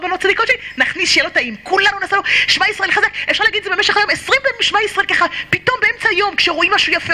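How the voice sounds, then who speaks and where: A woman's voice: very high-pitched, sharp tone, a little hiss or hum. A woman teaching a group of women and leading them in prayer, fervently crying out verses with a half-sobbing voice and tenderly addressing her listeners.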